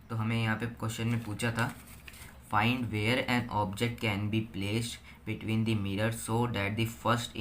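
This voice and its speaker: Teen boy slowly talking through math. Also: medium pitch, a bit bright, a little hiss or hum. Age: teens. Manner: slow, step-by-step, reads numbers out one by one. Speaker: student tutor. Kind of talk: explaining a physics problem.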